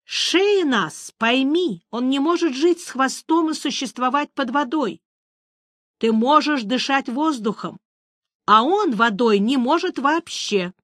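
A woman's voice: high voice, lively intonation, takes it slowly, a bit bright, no echo, clean studio sound, pitched above the performer's own voice, exaggerated voice. A woman voicing a stern grown male witcher who speaks curtly and insistently. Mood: impatient. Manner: curt, insistent, raised voice.

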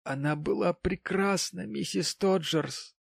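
A man voicing a tipsy, tearful, sanctimonious widowed gentleman, talking in a maudlin, slurred, pompous way in an audiobook. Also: high-pitched, takes it slowly, gravelly, no room sound, clean studio sound, voice pushed up, heavily acted.

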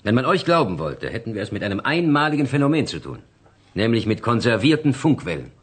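A man's voice: medium pitch, sing-song, quick pace, breathy edge. An actor playing an authoritative male space station chief who leads a meeting with probing questions, in a radio drama. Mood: stern.

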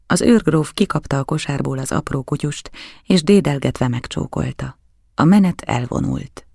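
Male audiobook narrator, gravelly, dry close recording, measured and dramatic. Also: mid-range voice, darkish tone, no room sound.

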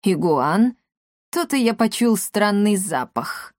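A woman's voice: medium pitch, sing-song, takes it slowly, darkish tone, no room sound, clean studio sound. A woman voicing a defiant middle-aged male apothecary standing up to his rival.

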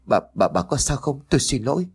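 A man's voice: mid-range voice, expressive, quick pace, breathy edge. A man voicing a frightened, blustering middle-aged husband who stammers in a fluster.

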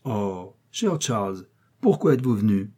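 Man reading as a cranky old rich gent, bossy and impatient, low mellow voice, storybook style. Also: big pitch swings, measured pace, breathy edge, full character voice. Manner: commanding and impatient. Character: old, ailing, irritable wealthy gentleman. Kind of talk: audiobook character reading.

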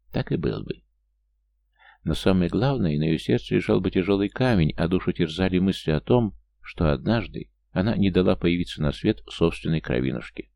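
Audiobook narrator, male, very low and gravelly, measured reading. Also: mellow, dry recording. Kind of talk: scripted narration.

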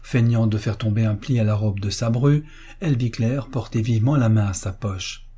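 A male audiobook narrator reads a classic story in short, measured phrases. His voice is mellow and dark, with a husky texture. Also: lowish voice.

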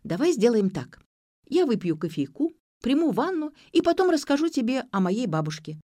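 A woman's voice: sing-song, mellow, dry recording, studio quality. A woman voicing a brash, stubborn young woman. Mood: indignant. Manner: high-pitched, quick and indignant.

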